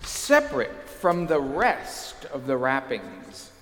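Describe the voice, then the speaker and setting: A man co-reading a dramatized scripture passage, expressively retelling each line. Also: mid-range voice. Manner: slow, expressive retelling of lines. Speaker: co-reader. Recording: echoey hall with long reverb.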